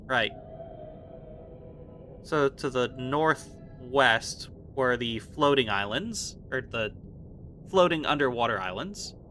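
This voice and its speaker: Bright, lively man narrating gameplay. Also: medium pitch, slight background noise. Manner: chatty, self-mocking, thinks aloud. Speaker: gaming video host. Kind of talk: casual gameplay commentary.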